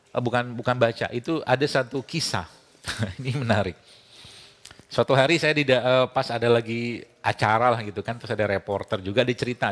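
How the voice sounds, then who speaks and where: A man preaching in a loose, conversational way. He keeps breaking into laughter and voices both sides of the stories he tells, with a mid-range, ordinary pitch. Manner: animated, jokey, laughs often, acts out dialogue. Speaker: preacher and doctor giving an Islamic talk. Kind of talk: lively conversational sermon with anecdotes.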